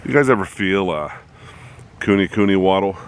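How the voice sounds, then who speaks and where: A man's voice: deep voice, moderate pace. A middle-aged man, a hobby farmer, chatting and joking with viewers and his animals while standing outside by a fence. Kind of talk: casual vlog narration. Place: outdoors by a farm fence.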